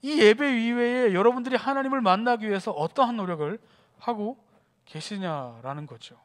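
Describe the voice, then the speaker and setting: A youth pastor giving a sermon in a church sanctuary, lively and conversational, acting out scenes as he talks. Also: high-pitched, normal speed. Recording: long church hall reverb.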